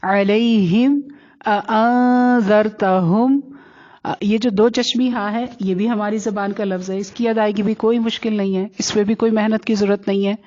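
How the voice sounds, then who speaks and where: A woman's voice: medium pitch, little pitch movement, darkish tone. Patient woman teaching recitation, lo-fi sound. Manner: patient, checks understanding, slowly chants example words. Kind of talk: explaining recitation rules to students.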